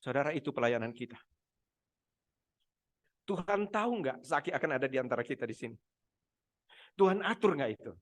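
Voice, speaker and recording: An older man preaching a sermon over a video call, telling stories lively and acting out the dialogue. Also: mid-range voice, fairly quick, pauses often. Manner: animated storytelling, acting out dialogue. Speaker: pastor.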